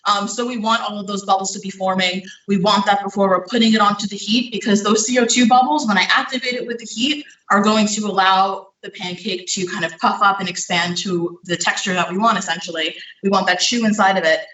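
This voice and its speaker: A bright, chatty baker explains each step of a recipe while cooking, filling pauses with "um" and a hint of breathlessness. The voice sits back from the microphone in a roomy home kitchen with plenty of echo. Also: medium pitch, steady tone, distant mic. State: slightly out of breath. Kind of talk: live cooking demonstration. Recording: echoey kitchen, speaker away from mic.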